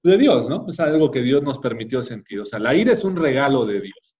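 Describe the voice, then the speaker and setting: A man with a Mexican accent leads a church class, talking casually and checking in with his listeners. His voice sits at an ordinary middle pitch. The recording sounds a little dull and lo-fi. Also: very animated, fairly quick, darkish tone. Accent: Mexican Spanish. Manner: conversational, frequent tag questions, addresses the class directly. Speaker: Bible class teacher.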